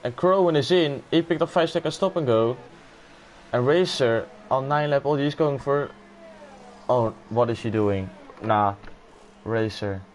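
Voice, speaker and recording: Calling a live sim race, a man with a Dutch accent gets excited and laughs whenever the moves are close. He speaks at a measured pace in a mid-range voice, over slight background noise.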